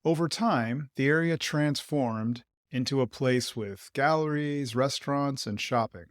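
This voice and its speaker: A man narrating an English lesson in a clear, measured, explanatory way. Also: mid-range voice, no echo, clean studio sound. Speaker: podcast host teaching English.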